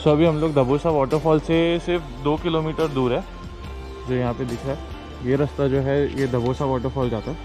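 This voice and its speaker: Young Indian male moto vlogger, relaxed mixed-language chat, medium pitch, outdoor camera audio. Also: normal speed, over music, low-quality recording. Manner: mixes Hindi and English, relaxed chatty. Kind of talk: casual vlog narration. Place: outdoors by a rural road. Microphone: action camera on helmet or selfie mount.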